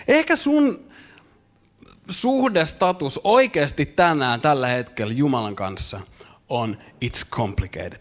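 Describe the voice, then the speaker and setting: A young male preacher delivers a chatty, playful sermon. His voice sits a touch high for a man. He loops back on words as he builds toward each point. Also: a bit bright. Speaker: pastor. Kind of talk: conversational sermon.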